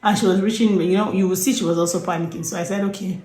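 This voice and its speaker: A woman, a herbalist, telling stories calmly with a lot of "you know". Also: on the low side, very fast. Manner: calm, rambling storyteller with frequent "you know". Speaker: herbalist and nutritionist. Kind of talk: storytelling in an interview. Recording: echoey room.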